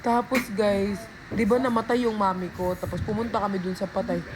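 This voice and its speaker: A woman's voice: medium pitch, steady tone, fairly quick, background noise. A woman telling a rambling story on a casual livestream, talking into a phone and calling her viewers guys and be.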